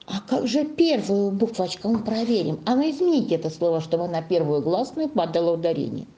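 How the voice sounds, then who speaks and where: A woman teaching a primary school class, coaxing the children with sing-song questions and drawing out words slowly as she dictates. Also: mid-range voice, animated, dark tone, dull audio. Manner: slow, drawn-out dictation to young children. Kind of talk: classroom lesson.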